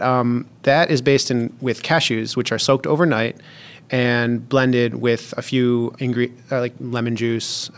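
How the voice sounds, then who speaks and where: A man on a casual podcast, explaining how he made a dish in a relaxed way with small fillers. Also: mid-range voice. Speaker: podcast guest cook. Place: public library recording space.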